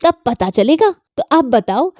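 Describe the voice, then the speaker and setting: A woman voicing a bossy, sharp-tongued young daughter-in-law who scolds defiantly in a high voice. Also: big pitch swings, a little slow, no room sound, studio quality, full character voice. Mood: scolding.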